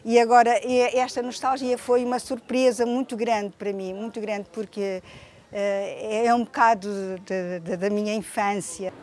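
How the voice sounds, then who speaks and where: A woman's voice: medium pitch, flat delivery, normal speed, a little mellow. An older woman fondly reminiscing in an interview, recorded outdoors in a courtyard. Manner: fond, reminiscing. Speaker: former resident.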